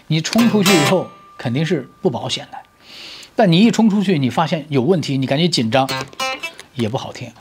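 A man's voice: on the high side, animated, fairly quick. Guy doing a guitar lesson, patient step by step, keeps asking right?, guitar playing behind. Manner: patient, explains step by step with everyday comparisons and frequent "right?" checks. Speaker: electric guitar teacher.

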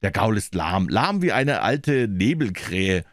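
A man's voice: lowish voice, big pitch swings, measured pace, no room sound, clean studio sound. A man playing a coarse, blunt stable hand who speaks with contempt. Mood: scornful.

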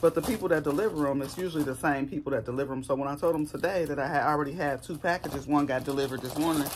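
A woman in her forties, hoarse and scratchy-voiced, rambling casually through a haul vlog. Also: low-pitched, rapid-fire. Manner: chatty and rambling. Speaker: YouTuber.

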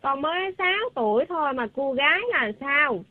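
A woman's voice: high voice, lively intonation, moderate pace. A woman with a southern Vietnamese accent speaking in a plain customer service voice as a hotline operator on a call. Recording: muffled, tinny phone line.

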